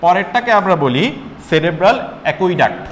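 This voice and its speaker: A young man teaching a biology class, repeating terms slowly and quizzing his students. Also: sits high, expressive, fairly bright tone, a little hiss or hum. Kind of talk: classroom lecture. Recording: echoey room, faint ambience.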